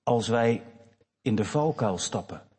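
Husky slow-preaching pastor in a reverberant church. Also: male voice, mid-range voice. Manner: slow, emphatic, with expressive rises. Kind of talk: sermon.

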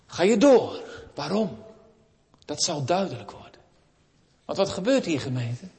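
High-voiced preacher in a reverberant church. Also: male voice, big pitch swings, unhurried. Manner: earnest preaching, swelling and then dropping to near-hushed. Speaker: pastor. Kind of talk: sermon. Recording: long reverb of a large church.

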